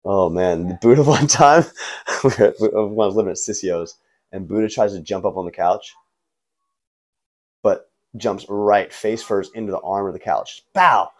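A man's voice: on the low side, moderate pace, darkish tone. A man chatting casually and telling stories in laid-back frat-bro slang, full of "man", "bro" and "you know". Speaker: guest, martial arts instructor and skateboarder.

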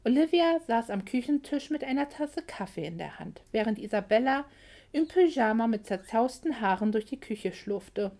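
A woman narrating a romance novel as an audiobook in a calm, even storytelling manner. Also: fairly high pitch, normal speed.

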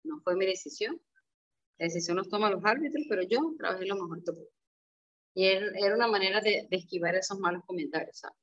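A woman's voice: mid-range voice, fast talker, a bit bright. Venezuelan woman recalling her sports career. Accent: Venezuelan Spanish. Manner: emotional, reenacts her own thoughts aloud, frequent restarts. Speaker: retired karate champion, guest. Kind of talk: reflective personal storytelling. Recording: dull, lo-fi sound.

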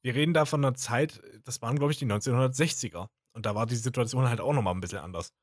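A man's voice: medium pitch, rapid-fire, no room sound. Blunt man, dry close sound. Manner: blunt, opinionated, wry asides. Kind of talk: casual chat.

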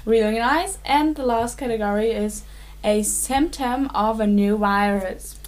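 Brief: higher-pitched woman co-host, unhurried, cheery and laughing, casual game chat. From Los Angeles, California. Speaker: podcast co-host.

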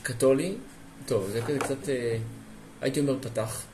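Young man, casual podcast chat, mid-pitched, hesitant, thinks aloud, faint background noise. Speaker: podcast co-host.

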